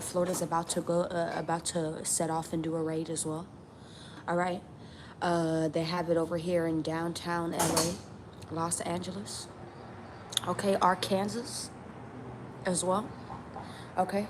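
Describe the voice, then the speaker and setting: Emphatic low-voiced woman vlogging, noisy background. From New Mexico. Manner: emphatic, repeats lines, swears. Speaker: tarot channel vlogger. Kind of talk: casual speaking-out vlog. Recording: steady background ambience noise.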